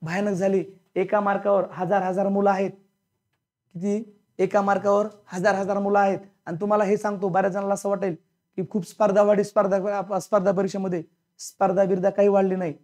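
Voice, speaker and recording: A blunt male teacher gives a classroom grammar lecture to his students, drilling them with repeated questions in a scolding, colloquial way. His voice is high-pitched, level and darkish, with a brisk pace.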